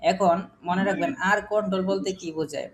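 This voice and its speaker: A man's voice: sits high, brisk, a little hiss or hum. A man teaching an English phonics lesson, asking the class questions and repeating examples to drill them.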